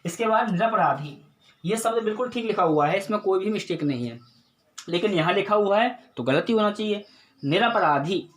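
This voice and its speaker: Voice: mid-range voice, expressive, brisk. A teacher giving a recorded grammar lesson, patiently explaining step by step, asking and answering their own questions and often checking in with the class.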